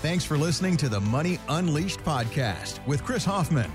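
A man's voice: fairly high pitch, lively intonation, normal speed. A man announcing a scripted podcast outro over music. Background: music bed.

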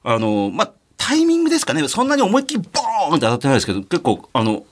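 A man co-hosting a radio talk show, telling stories in a lively way with many fillers. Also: fairly high pitch, racing. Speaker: radio co-host, announcer.

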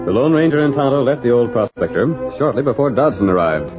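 Animated male radio serial narrator. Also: mid-range voice, quick pace, music in the background. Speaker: announcer-narrator. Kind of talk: dramatic old-time radio narration. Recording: dull vintage radio recording.

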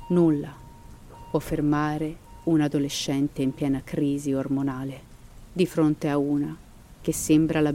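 A woman tells a scripted horror tale in a lowish voice, slowing for dread and tossing in sardonic jokes. A faint hiss sits under the recording. She also slips into playful host banter. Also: warm tone. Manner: dramatic, sardonic asides. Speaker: storyteller and host.

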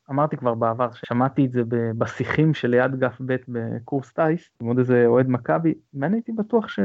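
A man chats on a podcast in an excited, rambling way, often stumbling and restarting his sentences. His voice sits at an everyday middle pitch. The sound is dry and a bit muffled, like a lo-fi home recording. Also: no room sound. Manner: excited storytelling with many restarts. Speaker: podcast co-host. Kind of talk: casual sports chat. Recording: dull lo-fi sound.

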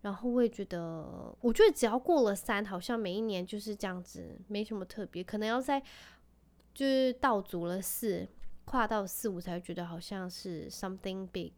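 Speaking at a moderate pace in a medium-pitched, slightly mellow voice, a woman in her thirties hosts a podcast. Her casual chat about family life is tender and full of laughter.

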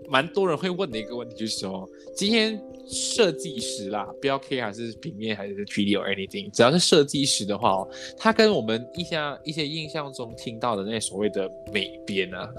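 A man's voice: mid-range voice, sing-song, brisk. A man with a Malaysian Mandarin accent hosting a casual podcast interview, chatty and dropping English words into his Mandarin. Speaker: podcast host. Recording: background music under the talk.

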